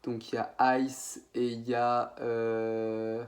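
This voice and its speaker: A man's voice: medium pitch, completely flat delivery, takes it slowly, a little mellow. A young man from France, casually ranking his favorite rap producers, rambling with many fillers and self-corrections. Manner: slangy, informal French. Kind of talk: casual spoken ranking video.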